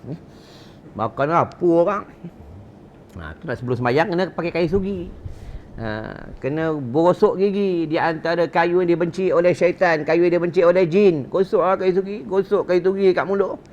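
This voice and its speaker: A man's voice: sits high, normal speed, a little mellow, slight background noise. A man with a Malaysian Malay accent giving a religious lecture at a mosque gathering, rhetorical and joking, quizzing his listeners. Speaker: religious teacher. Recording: dull lo-fi recording.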